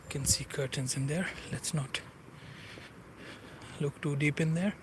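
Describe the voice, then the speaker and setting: The speaker is a man in his forties, a non-native English speaker, vlogging a riverside walk with loose, wandering commentary and many pauses to find words. His voice is a little high with fairly even intonation and a slightly slow pace, and a little hiss or hum is audible.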